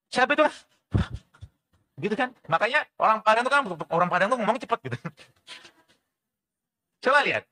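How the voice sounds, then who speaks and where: A man preaching a lively sermon to a congregation, often asking questions and answering them himself, sometimes slipping in English phrases. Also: very high-pitched. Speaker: preacher and physician giving a religious health talk.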